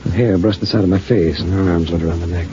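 An actor playing a stern, dry, skeptical private investigator who questions and narrates in an old-time radio detective drama. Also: male voice, low-pitched, fairly even intonation, fast talker, warm tone, natural voice. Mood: brooding, wry. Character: hard-boiled, wry, skeptical male private investigator narrating his case. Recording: dull, noisy old radio recording.

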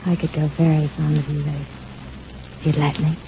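Mellow, sultry femme fatale. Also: female voice, sits low, little pitch movement, moderate pace. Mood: seductive. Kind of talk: old-time radio detective drama. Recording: dull, noisy old radio recording.

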